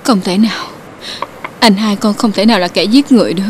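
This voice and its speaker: A woman's voice: medium pitch, fairly quick, soft background music, lightly acted, poor audio. An actress playing a distraught middle-aged mother, pleading insistently. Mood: distressed.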